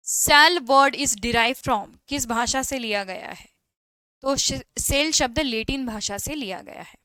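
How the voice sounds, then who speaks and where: A high, bright woman teaching an online class with a smooth, clear voice. She explains in Hindi and reads English questions aloud slowly. The recording is dry and close. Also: no room sound. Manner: answers student chat questions by name.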